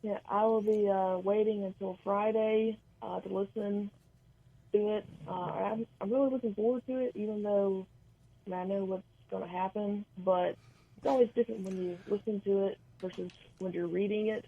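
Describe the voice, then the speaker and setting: A woman's voice: medium pitch, steady tone, moderate pace, creaky. A woman calling in over the phone to a radio show, chatting casually with many hesitant ums and restarts. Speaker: caller. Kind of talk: casual chat. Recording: muffled phone line.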